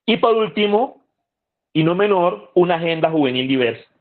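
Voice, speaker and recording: A man's voice: high voice, expressive, normal speed. A man giving a conversational lecture to a youth group, asking the audience questions and repeating phrases for emphasis. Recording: tinny phone-like audio.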